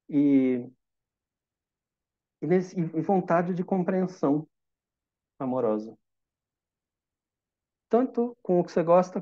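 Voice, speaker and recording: A calm, reflective meditation talk comes from a man whose voice sits on the high side and carries a Brazilian Portuguese accent. He teaches through simple examples and by asking listeners questions, and the recording is muffled.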